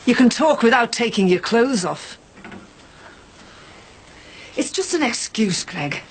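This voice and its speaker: A woman's voice: on the high side, very animated, slow, slightly rough, full character voice. A woman playing a stern, disapproving mother of a grown son in a soap drama, blunt and reproachful.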